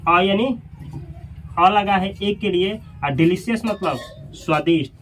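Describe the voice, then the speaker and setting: A man's voice: high-pitched, unhurried, fairly bright tone, slight background noise. Man teaching English grammar. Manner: asks questions and repeats answers. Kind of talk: classroom grammar lesson.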